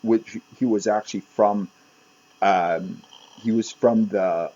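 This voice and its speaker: Slow, deep-voiced man rambling casually. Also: fairly even intonation, mellow. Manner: halting, many fillers and restarts. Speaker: author and channel host. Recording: dull lo-fi with faint background noise.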